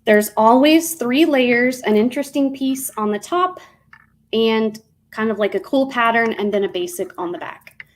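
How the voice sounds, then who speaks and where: Woman, casual live-stream seller, slightly high pitch, rambling, fillers and self-corrections. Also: moderate pace, low-quality recording.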